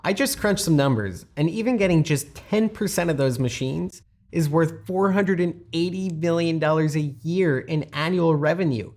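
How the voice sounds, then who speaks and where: A man's voice: fairly high pitch, moderate pace, darkish tone. A man co-hosting a scripted investment promotion, speaking in an emphatic, salesy way that stresses big figures. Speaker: co-host and investment analyst.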